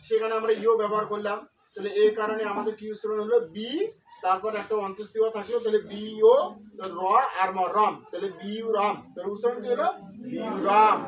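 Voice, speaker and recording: A man's voice: extremely high pitch, fairly bright tone. A man teaching scripture recitation, breaking words into syllables and patiently quizzing his listeners with rhetorical questions. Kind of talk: syllable-by-syllable pronunciation lesson. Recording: distant mic with faint background noise.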